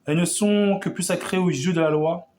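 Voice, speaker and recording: A man's voice: high-pitched, fairly quick, darkish tone. Man declaiming an old revolutionary speech. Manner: oratorical, with frequent stumbles and restarts.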